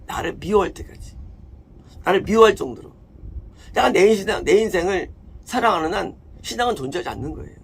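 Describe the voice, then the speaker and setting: A man's voice: sits high, lively intonation, fairly quick, vocal fry, long pauses, husky. A man preaching a sermon as a pastor, emphatic, asking questions and answering them himself. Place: church.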